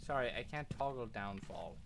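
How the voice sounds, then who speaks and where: A streamer chatting casually and excitedly while playing a game with a friend. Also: medium pitch, moderate pace, background noise. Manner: excitable, animated, joking. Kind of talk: casual gameplay chat.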